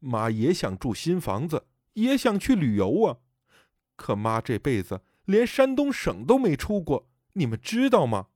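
A man voicing the grieving spirit of a dead elderly mother, speaking softly and sorrowfully. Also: medium pitch, no echo, clean studio sound. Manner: soft, sorrowful pleading.

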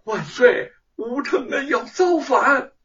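Haughty imperial consort, shrill and commanding, put on by a male storyteller; dull, distant lo-fi sound. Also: sing-song, unhurried, a bit bright, full character voice. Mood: furious.

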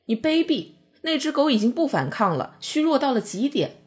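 A woman voicing a tense, indignant young male university student in an audiobook reading, with shrill, trembling outbursts. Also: sing-song, moderate pace, slightly rough. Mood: furious.

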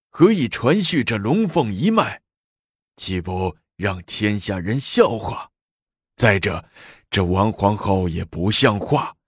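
A man's voice: medium pitch, husky, no room sound, studio quality. Man doing a fawning old court official. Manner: flattering, wheedling.

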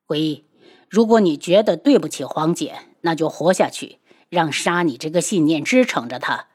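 A woman doing a grave, steady young prince. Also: low-pitched, normal speed, slightly rough, pitched below the performer's own voice.

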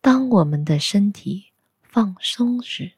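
A woman guiding a meditation in a soft, soothing, breathy spa-like whisper, giving gentle instructions. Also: mid-range voice, expressive, slow, no room sound, studio quality. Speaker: guided meditation narrator.

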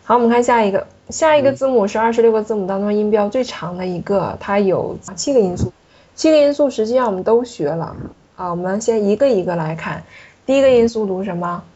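A woman's voice: mid-range voice, brisk, warm tone, muffled recording, a little hiss or hum. A woman French teacher giving a classroom pronunciation lesson, patiently asking her student questions and drilling sounds.

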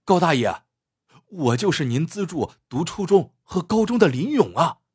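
A man voicing a grateful, earnest male boss who speaks a little higher in a husky voice. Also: very animated, a little slow, dry recording, studio quality.

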